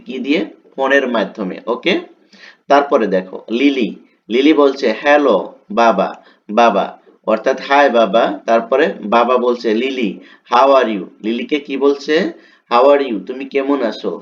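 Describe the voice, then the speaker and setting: A man teaches an English lesson in a Bangladeshi accent. He reads each line of a textbook dialogue slowly and keeps asking questions, then answering them himself. His voice sits in an average pitch, and the recording sounds a little dull and lo-fi.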